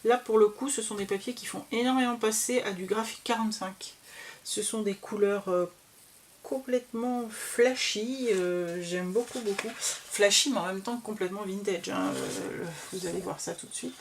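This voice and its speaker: A woman's voice: mid-range voice, steady tone, normal speed, a little mellow, slight background noise. A woman chatting casually and enthusiastically as she shows off scrapbooking papers, with lots of fillers. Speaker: crafting vlogger.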